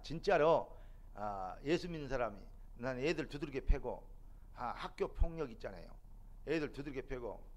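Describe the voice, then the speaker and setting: A middle-aged man preaching a sermon as a pastor in a church, building to loud, emphatic peaks. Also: fairly high pitch. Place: church sanctuary.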